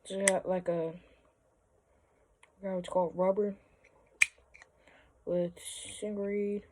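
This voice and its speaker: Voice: mid-range voice, level tone, unhurried, background noise. Someone giving a casual, informal show-and-tell review as a hobbyist presenter, speaking hesitantly with trailing asides. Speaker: hobbyist presenter showing a collection.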